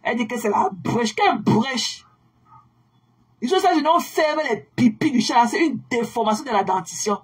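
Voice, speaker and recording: A woman's voice: fairly high pitch, lively intonation, fairly quick, hardly any pauses, husky. A woman, ranting scornfully at a rival and repeating her insults. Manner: mocking, scornful, repeats herself; drawls words out to sneer. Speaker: online commentator. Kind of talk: insulting rant addressed to a rival.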